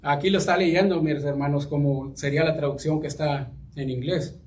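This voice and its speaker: A man preaches a sermon with a voice pitched a little high. He reads scripture aloud and often stops to repeat a word as he looks for the next one. He keeps calling the congregation his brothers. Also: fairly even intonation, darkish tone. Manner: halting, repeats words while searching, addresses congregation as brothers.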